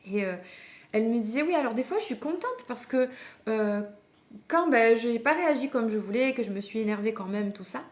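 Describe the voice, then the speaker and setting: A woman's voice: on the high side, expressive, fairly quick. A woman parenting coach giving a live masterclass, talking conversationally and encouragingly to her listeners, with frequent hesitations and restarts. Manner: addresses the listeners directly and invites them to act. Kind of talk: live online masterclass talk.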